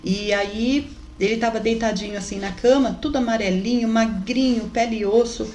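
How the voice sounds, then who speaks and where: A mother gives a heartfelt faith testimony, fervently addressing her audience as brothers, at a moderate pace in a steady, darkish, fairly high voice. It sounds roomy and echoey, with slight background noise.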